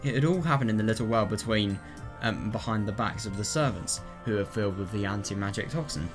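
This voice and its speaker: A man's voice: lowish voice, brisk. A man reading a game's text aloud and reacting casually in a musing way, often repeating short affirmations. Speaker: let's player. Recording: music behind the voice. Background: game music.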